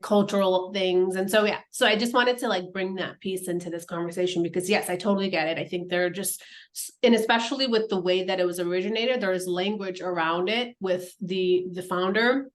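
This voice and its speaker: A woman's voice: fairly low pitch, fairly even intonation, brisk. A woman from Nepal, a podcast guest, talking in an earnest, reflective way with many casual fillers. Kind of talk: casual conversational interview.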